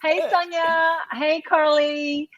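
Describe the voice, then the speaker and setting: A woman's voice: high-pitched, level tone, slow pace, lo-fi sound. A woman hosting a live online chat show, chatty, reading out viewer messages and laughing often. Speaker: host. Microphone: video call.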